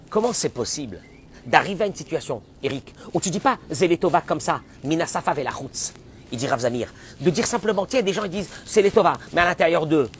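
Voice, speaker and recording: A man, a rabbi, giving a dramatic Torah class, acting out the voices of complaining people and swinging from loud cries to hushed whispers. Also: a little high, a little hiss or hum. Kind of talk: animated sermon.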